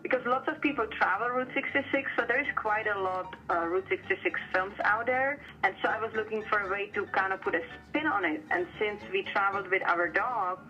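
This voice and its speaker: Woman, filmmaker interview, bright voice, slightly dull sound, faint music. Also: medium pitch, a little fast, few pauses. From Czech Republic. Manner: casual, hedging with filler words. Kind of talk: documentary interview.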